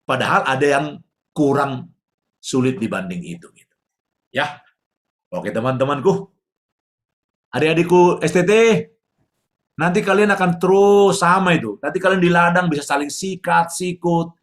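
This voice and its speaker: A man's voice: fairly high pitch, moderate pace, long pauses. A man preaching a sermon as pastor, emotive, posing questions and answering them himself.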